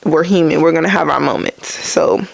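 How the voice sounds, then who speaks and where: Young woman, podcast host, casual chatty talk, gravelly voice, dry room. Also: deep voice, moderate pace, no room sound. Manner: chatty, addresses listeners as y'all. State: out of breath.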